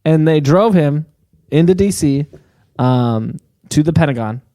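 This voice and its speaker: A man's voice: fairly high pitch, expressive, unhurried, mellow, dry recording. A man co-hosting a podcast, telling a story in casual chat and laughing often. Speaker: podcast co-host.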